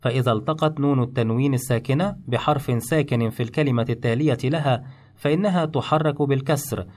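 A man teaching in measured, step-by-step instructional narration. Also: mid-range voice, a little mellow. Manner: measured, explains rules step by step.

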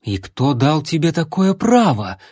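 A man's voice: mid-range voice, very animated, slow pace, a little mellow, breathy edge, no echo, clean studio sound, full character voice. A man doing a defiant vampire princess.

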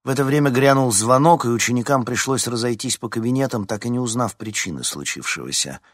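A man's voice: mid-range voice, quick pace, no echo, clean studio sound. A man reading a novel aloud as scripted narration, giving each character a voice. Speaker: audiobook narrator.

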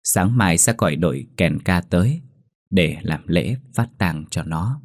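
Man, ghost story narrator, somber, dramatic, very deep voice, dry close sound. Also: expressive, unhurried, no echo.

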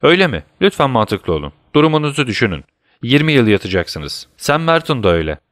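Bir erkek okuyucunun canlandırdığı alaycı, soğukkanlı ve buyurgan bir dedektif, sesli kitapta biraz yükseltilmiş bir tonla konuşuyor. Sakin ama iğneleyici, karşısındakine üstten bakan bir üslubu var. Kayıt kuru ve yankısız. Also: male voice, mid-range voice, fast, no room sound, clean studio sound, pitched above the performer's own voice. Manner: calm, teasing, commanding. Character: cool, mocking male detective, middle-aged. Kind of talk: audiobook character voice.

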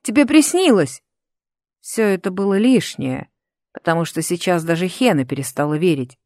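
A woman narrating an audiobook in a steady, even storytelling voice. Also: on the low side, normal speed, no echo, clean studio sound. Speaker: audiobook reader.

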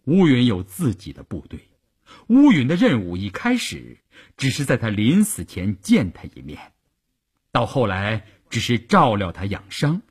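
A man reading a long serial story for radio, with expressive, acted-out narration. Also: medium pitch, unhurried, slightly rough.

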